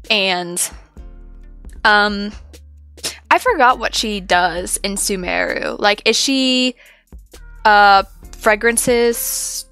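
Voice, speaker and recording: A woman hosting a reaction channel chats casually, rambling and hesitating as her thoughts trail off. Her voice is a little high with a fairly bright tone, there's no echo, and faint music plays behind her.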